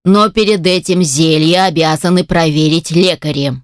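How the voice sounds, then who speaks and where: A woman plays a weary male judge in a fantasy audiobook, curt and eager to be done. His rulings come in slow, flat phrases, recorded dry and close. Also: low-pitched, no echo, close to an everyday voice. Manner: tired, curt.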